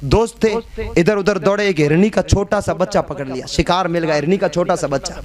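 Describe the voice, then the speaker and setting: High-voiced fervent preacher. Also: male voice, fairly quick, a crowd in the background. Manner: fervent, rhetorical questions, repeated phrases, swelling to shouts. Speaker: Islamic preacher. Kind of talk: impassioned Urdu-Hindi sermon.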